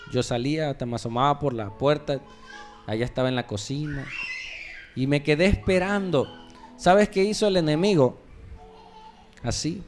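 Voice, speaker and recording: A man's voice: mid-range voice, a little mellow. A man with a Mexican Spanish accent preaching a sermon as pastor, acting out the voices he quotes.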